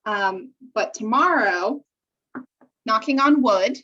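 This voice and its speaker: Speaking slowly, a woman co-host of a podcast chats casually on a remote call in a bubbly, talkative manner. Her fairly high voice sounds pushed and bright with lively intonation, carried through dull, lo-fi call audio.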